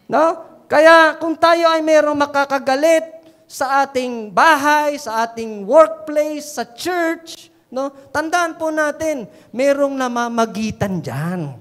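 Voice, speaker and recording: A woman's voice: sits high, lively intonation, slow. A woman pastor preaching a sermon, telling everyday stories and often prompting the congregation to answer back. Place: church sanctuary. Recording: long church reverb.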